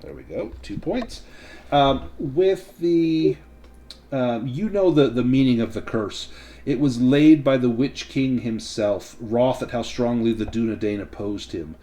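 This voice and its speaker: A man running a tabletop role-playing game, narrating and explaining rules in a measured way. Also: mid-range voice, dark tone. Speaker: game master.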